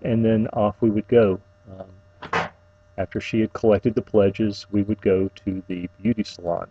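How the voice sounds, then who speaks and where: A middle-aged man giving an informal, personal eulogy, tenderly reminiscing in a halting, faltering way with long pauses. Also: on the low side, warm tone, no room sound, dull audio.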